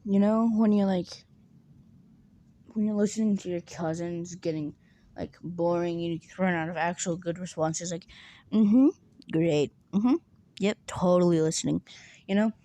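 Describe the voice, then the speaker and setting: A woman's voice: on the low side, fairly even intonation, normal speed, warm tone, no room sound. A woman casually retelling a fan story in a rambling way, full of fillers, now and then acting out the characters' lines.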